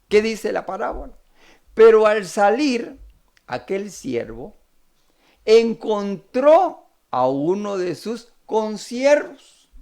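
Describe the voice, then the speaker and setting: A man's voice: high voice, gravelly. A man with a Costa Rican Spanish accent preaching a sermon, acting out the characters' pleas as he retells a parable. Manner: animated, acts out the characters' pleas.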